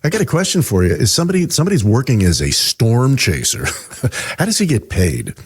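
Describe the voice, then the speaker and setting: A man co-hosting a casual chat show, dropping dry, wry comments and quick questions. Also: mid-range voice, huge pitch swings, husky. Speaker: co-host.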